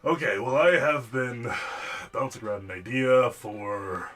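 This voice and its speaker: A rambling orc inventor fumbles through an explanation in a tabletop game, played by a man. The voice is bright and mid-pitched, with faint music underneath. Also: a little slow, close to an everyday voice. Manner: hesitant, rambling. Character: fussy male orc scientist inventor.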